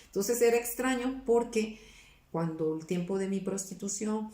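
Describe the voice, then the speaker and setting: A woman's voice: medium pitch, normal speed, dark tone, roomy sound. A woman in her forties, a pastor giving her personal testimony in a casual interview. She talks earnestly and keeps searching for words, with many restarts.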